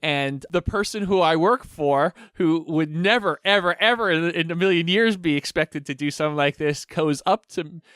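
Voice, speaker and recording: A man's voice: fairly high pitch, normal speed, few pauses, a bit bright, clean tone, dry recording. A man telling long rambling anecdotes as a podcast guest, with many restarts. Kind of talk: casual storytelling.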